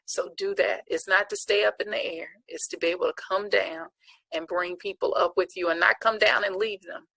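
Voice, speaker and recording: A woman with a husky, gravelly voice delivers an earnest, preacher-like speech of encouragement. Her tone sits on the low side, and the recording is dry and close with no room sound. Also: steady tone, moderate pace, sharp tone, no room sound, rough recording. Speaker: award honoree giving a speech. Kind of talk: inspirational speech.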